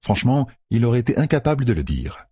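A man narrating a story in a measured, dramatic way. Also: medium pitch, very animated, mellow, husky, no room sound. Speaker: audiobook narrator. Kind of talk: scripted narration. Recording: dry close recording.

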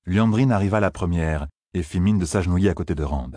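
Male audiobook narrator, low and husky, steady measured delivery. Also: no echo, clean studio sound.

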